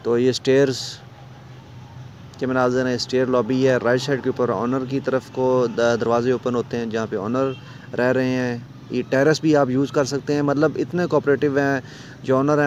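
Giving a walking tour of an empty rental house, a male property dealer with a Pakistani Urdu accent speaks at medium pitch with a somewhat dark tone, plus slight hiss or hum. He's salesy, constantly pointing features out to the viewer as he moves indoors and up the stairs, recorded on a phone camera carried while walking.

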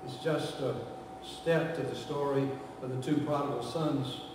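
A medium-pitched, steady, somewhat slow voice belongs to an older Southern guest preacher telling a dramatic sermon story, voicing characters and moving from loud stretches to hushed ones. Heard through a distant camera and pulpit mic, the medium-sized indoor church echoes, with background noise present.

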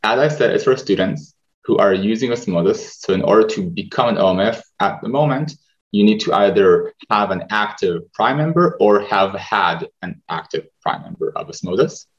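A man, hosting a webinar over a video call in a relaxed manner with many fillers. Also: fairly low pitch, moderate pace. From Israel. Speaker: webinar host, medical student. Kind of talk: presenting a webinar over slides. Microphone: video call webcam. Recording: dull video-call audio.

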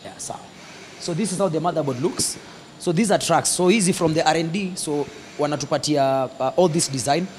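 A man's voice: on the high side, brisk, darkish tone, slight background noise. A man in his forties with a Kenyan accent, showing visitors around an electronics factory and explaining the machines in a casual mix of Swahili and English. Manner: mixes Swahili and English, points and gestures while explaining. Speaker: factory guide. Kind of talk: casual guided tour explanation. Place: large indoor electronics factory floor. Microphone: handheld mic held by interviewer.

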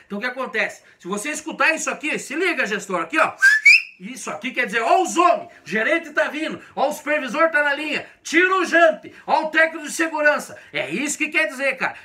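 High, bright-voiced joking Brazilian man. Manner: slangy, playful, teasing. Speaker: comedian. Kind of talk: comic monologue to camera.

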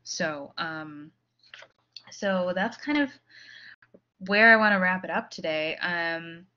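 A low-pitched woman delivers a recorded lecture in a halting, casual way, full of fillers and restarts. Her voice is low but bright and forward. The audio is a little dull. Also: expressive, a little hiss or hum.

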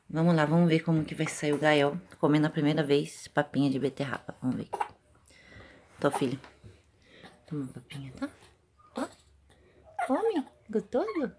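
A woman's voice: lowish voice, background noise. A woman with a Brazilian Portuguese accent, a mother of twins chatting casually in a home vlog and talking sweetly to her babies.

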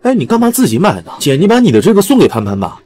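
A spoiled, whiny younger brother. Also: male voice, sits high, wildly swooping pitch, rapid-fire, darkish tone, husky, full character voice. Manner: whiny, demanding.

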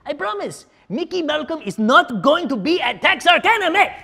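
A man's voice: very high voice, sing-song, moderate pace, vocal fry, bright, forceful tone, full character voice. An actor playing a slick, crude, evasive talent agent in a scripted comedy, blustering and stammering as he wheedles.

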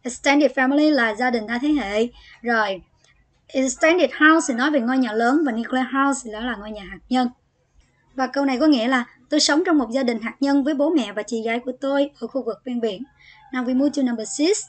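Woman teacher, Vietnamese accent, high voice, exercise walkthrough, reads English words out. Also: a little fast. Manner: switches between explanation and read-aloud English words.

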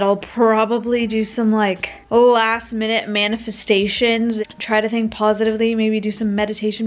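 Chatty young woman vlogging at home. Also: a little high. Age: young adult. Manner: chatty, upbeat, with frequent "like" fillers. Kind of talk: casual vlog talk to camera.

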